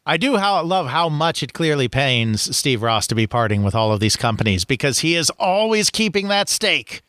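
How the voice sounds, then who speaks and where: A man's voice: fairly high pitch, very animated, moderate pace, a bit bright, no echo, studio quality. A man co-hosting a podcast, adding commentary and wry jokes to the news. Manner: wry, joking asides. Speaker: podcast co-host. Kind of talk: conversational commentary.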